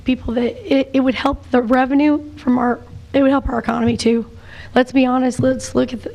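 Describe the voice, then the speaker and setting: Woman with a fading, gravelly voice. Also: high voice, mellow. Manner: hesitant, many fillers and restarts. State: losing her voice. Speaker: public commenter. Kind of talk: public comment at a city meeting.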